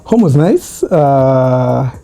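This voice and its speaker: Mellow-voiced Kenyan man in his thirties. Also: mid-range voice, extremely slow. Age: 30s. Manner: relaxed, reflective, laughs often. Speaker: guest. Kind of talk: casual interview.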